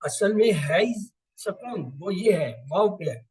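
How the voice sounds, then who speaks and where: A man teaching Arabic grammar for the Quran, who explains step by step, asks and answers his own questions and repeats drill words slowly. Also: sits high, expressive, darkish tone, husky, rough recording. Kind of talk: grammar lesson.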